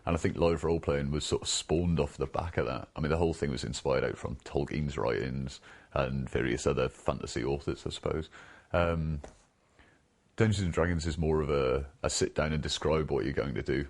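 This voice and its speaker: Man, very low-pitched voice, informal, musing, casual interview chat. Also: fairly even intonation, moderate pace, darkish tone. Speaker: live role-play participant.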